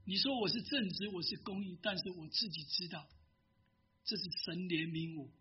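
A man's voice: high-pitched, moderate pace, muffled recording, slight background noise, lightly acted. A man telling of a remorseful old professor.

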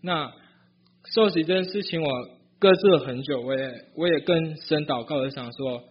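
Young Malaysian-born man, student testimony, earnest, slightly high and husky, dull lo-fi. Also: normal speed. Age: young adult. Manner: earnest, hesitant, with frequent restarts. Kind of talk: personal church testimony.

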